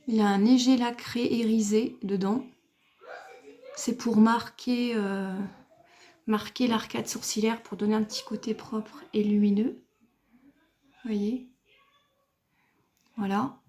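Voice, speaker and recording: A woman's voice: on the high side, fairly even intonation, slow, long pauses, dark tone. A woman from France explaining a makeup look step by step to her viewers, patient and chatty as she talks to camera. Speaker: beauty YouTuber. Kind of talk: makeup tutorial talk to camera.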